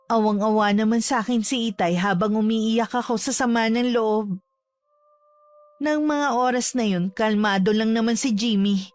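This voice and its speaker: A woman narrating a dramatic first-person story in a steady storytelling voice. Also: on the high side, normal speed, dry recording, faint music behind.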